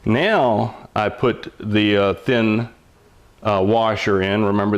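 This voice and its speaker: An older man explains hands-on mechanical work step by step, like an old machinist, in a patient, folksy, plain-spoken way. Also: fairly low pitch. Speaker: mechanic giving instruction.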